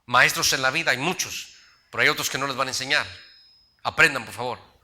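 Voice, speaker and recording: Bright-voiced pastor preaching. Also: male voice, medium pitch, a little fast. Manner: storytelling preacher, acts out voices in his anecdotes. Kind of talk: sermon.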